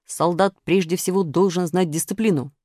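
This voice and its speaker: A woman's voice: lowish voice, fairly even intonation, moderate pace, darkish tone, no room sound, close to an everyday voice. Woman playing a strict little toy soldier from a storybook, stern and lecturing, dry close sound. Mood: stern reproach.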